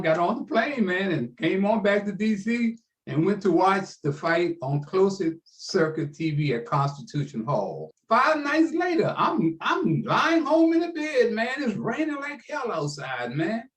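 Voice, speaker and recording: An older man, a guest on a talk show, telling an anecdote in a loose, animated way and often tacking on "man". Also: high voice, measured pace, few pauses. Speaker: guest, sports broadcaster. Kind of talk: casual anecdotal storytelling.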